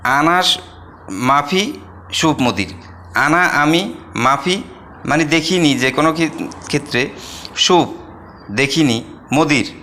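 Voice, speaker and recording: A young man teaching a vocabulary lesson, saying each word and then repeating its meaning slowly. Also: on the high side, a bit bright, slight background noise. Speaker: Arabic language teacher.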